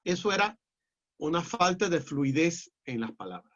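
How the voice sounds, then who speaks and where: A middle-aged man with a Peruvian accent lecturing a class in a measured, explanatory way, often pausing on "eh". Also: a little high, animated, a bit bright. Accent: Peruvian Spanish. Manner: measured and explanatory, with frequent "eh" fillers and restarts. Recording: dull lo-fi audio.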